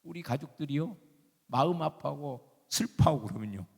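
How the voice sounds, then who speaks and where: A man's voice: on the high side, lively intonation, normal speed, creaky, husky. An older male emeritus pastor, preaching a sermon in a folksy, emphatic way and firing off rhetorical questions, recorded in a church sanctuary. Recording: long church hall reverb.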